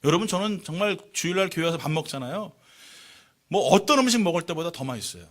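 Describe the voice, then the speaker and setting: A male pastor preaching a lively, joking sermon in church, often calling out questions to the congregation. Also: a little high, quick pace. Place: church sanctuary.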